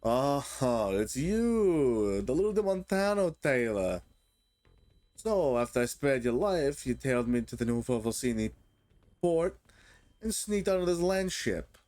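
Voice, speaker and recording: A man pitching his voice up to play a sly young gang enforcer who taunts and teases. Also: sing-song, measured pace, darkish tone, soft background music. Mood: mocking. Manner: taunting, teasing.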